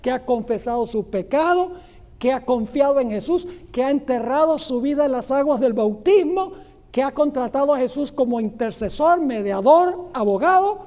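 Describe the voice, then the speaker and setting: A male pastor preaching a Bible study sermon with a dark, mellow tone. He tells the story with life, slipping into the voices of the people in the parable with quick leaps up in pitch and back down to a low, grave register. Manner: animated, acts out the parable characters with pitch jumps.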